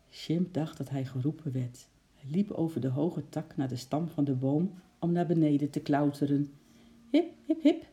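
Mellow-voiced woman reading a children's story. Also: low-pitched. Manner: lively, expressive reading with suspenseful questions.

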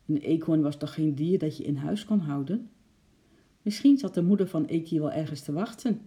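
A reader playing a brisk, sensible storybook mother with a dark, warm tone. She talks in a quick, matter-of-fact way at a mid pitch. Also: natural voice. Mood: practical. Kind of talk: storybook read-aloud.

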